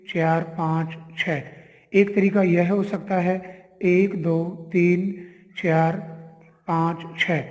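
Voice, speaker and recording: A man teaching a chemistry lesson, explaining step by step and counting carbons aloud one by one. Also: high voice. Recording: echoey room with long reverb.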